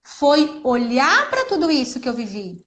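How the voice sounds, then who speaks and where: A woman with a high voice speaks earnestly in a relaxed conversation. Now and then she slips into the gentle tone of a mother comforting her child. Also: measured pace. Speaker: guest speaker on parenting. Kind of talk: casual conversation.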